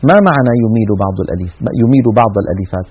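Male recitation teacher, brisk lesson delivery, demonstrates sounds aloud, tinny lo-fi audio. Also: lowish voice, slightly rough. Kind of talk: explanatory religious lesson. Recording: narrow phone-like audio.

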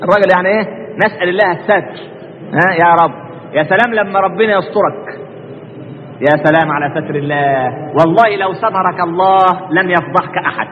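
A man's voice: high voice, fast, in a large hall, lo-fi sound, slight background noise. A man with an Egyptian accent preaching a colloquial religious lesson, constantly posing rhetorical questions and answering them himself. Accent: Egyptian Arabic.

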